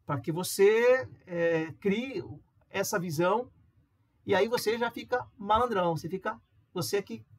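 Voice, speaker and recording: A man with a Brazilian Portuguese accent gives a casual, chatty tutorial on reading charts as an amateur trader. He checks in with listeners using quick tags and acts out their questions. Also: sits high. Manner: acts out viewers' questions in a livelier voice. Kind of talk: casual screen-recorded tutorial.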